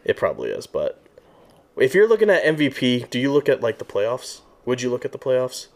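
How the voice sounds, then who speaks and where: Young guy cohosting a sports pod, cursing a lot, gets hyped, mid-pitch voice. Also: fairly quick. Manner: swears freely, excitable. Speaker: podcast co-host. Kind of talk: casual sports chat.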